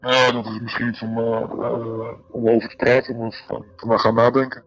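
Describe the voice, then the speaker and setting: An anonymous man on a call, his voice disguised by pitch distortion, giving short and hesitant answers. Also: level tone, normal speed, lo-fi sound. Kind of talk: phone conversation.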